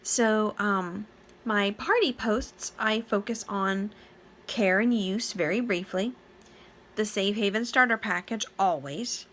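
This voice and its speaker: A woman's voice: mid-range voice, fairly bright tone. A woman working as a direct sales consultant, giving a casual training talk to her team. She sounds tired and yawny late at night but stays chatty and eager, with lots of fillers and restarts.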